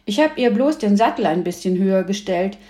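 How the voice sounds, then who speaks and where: A woman's voice: mid-range voice, expressive, fairly quick, dark tone, lightly acted. Woman playing a stubborn young boy, emphatic, raised voice, storybook reading, roomy echo.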